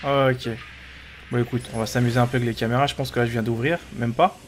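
A male gaming host gives casual running commentary in a medium-pitched voice. He chats away as if thinking aloud to himself. There is light background noise behind him. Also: steady tone, fast. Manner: chatty, talking to himself.

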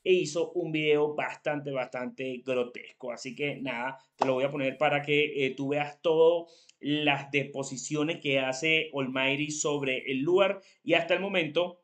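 Guy in his 30s doing a gossip news intro, slightly high voice, chatty, lots of um and uh. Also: steady tone, a little slow, a bit bright. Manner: chatty, hesitant fillers. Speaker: entertainment news host. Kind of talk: casual news commentary. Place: indoor room.

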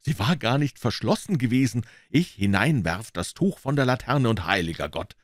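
A man voicing an excitable, frightened boy adventurer who tells a scary tale breathlessly. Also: mid-range voice, moderate pace, no room sound, clean studio sound, pitched above the performer's own voice, natural voice.

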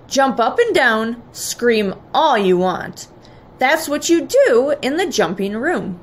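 A woman's voice: fairly high pitch, slow. A woman reading aloud, voicing a clever, cheerful boy who shows visitors around his house. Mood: excited. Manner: excited, proclaiming.

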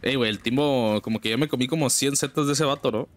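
A young gaming streamer with a Mexican Spanish accent delivers quick, slang-heavy commentary over his own gameplay, suddenly breaking into high exclamations and complaining about his teammates, with faint music in the background.

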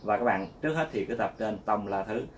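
A man giving a casual guitar lesson, talking in a chatty, repetitive way and counting strum patterns out loud. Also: lowish voice, brisk, highs cut off, slight background noise. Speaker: guitar teacher. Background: loud guitar playing.

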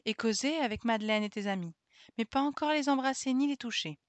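A woman voicing a gentle, careful mother in an audiobook, speaking softly and kindly. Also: fairly high pitch, a little fast, no echo, lo-fi sound, close to an everyday voice.

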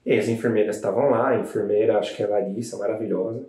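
Mellow-voiced man recounting a birth, casual and animated, roomy echo on the mic. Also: lowish voice, racing. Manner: chatty, animated retelling with frequent "né" tags. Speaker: new father telling his partner's birth story. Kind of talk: casual storytelling to camera.

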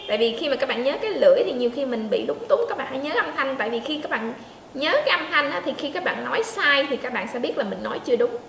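High-voiced woman teaching pronunciation, echoey. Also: fairly bright tone, a little hiss or hum. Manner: demonstrates sounds slowly, asks learners to check in. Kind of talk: pronunciation lesson. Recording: echoey room with faint ambience.

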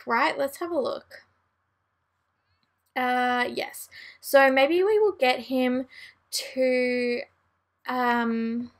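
A young woman with a high, bright-sitting voice talks through her gameplay in an unhurried, chatty way. She is excitable and easily distracted, drifting between asides as she plays. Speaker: gaming channel host. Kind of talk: casual let's-play commentary.

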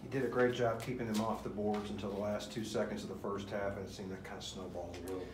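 A man working as a reporter, asking quick, informal questions at a press conference. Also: fairly low pitch, flat delivery. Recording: distant voice in an echoey room with faint noise.

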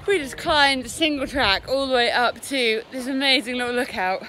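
A woman vlogging her outdoor motorbike riding, excitable and cheering, recorded on a camera mic outdoors. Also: sits high, normal speed, poor audio. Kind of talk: outdoor action vlog. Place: outdoors on mountain trails. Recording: loud engine noise outdoors. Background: motorbike engines.

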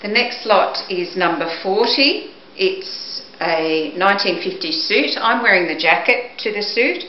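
Indoors at home, a middle-aged woman describes items up for auction, measured and matter-of-fact yet animated, at medium pitch. The camera microphone sits a few steps off, so the room echoes and the sound is dull and muffled with a background hiss.

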